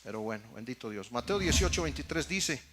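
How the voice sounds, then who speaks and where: Bright-voiced Mexican preacher. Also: male voice, mid-range voice, expressive, brisk, slight background noise. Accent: Mexican Spanish. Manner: preaching with emphatic repetitions, addressing the congregation as brothers. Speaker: pastor. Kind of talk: sermon.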